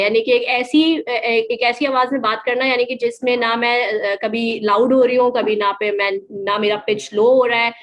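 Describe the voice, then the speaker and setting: A woman's voice: on the high side, highs cut off. A woman giving a classroom lecture in Hindi mixed with English, asking her students questions and answering them.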